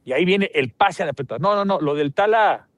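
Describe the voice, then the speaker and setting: A man with a Mexican accent hosting a live sports talk show, animated and joking, with lots of restarts. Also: high voice, brisk.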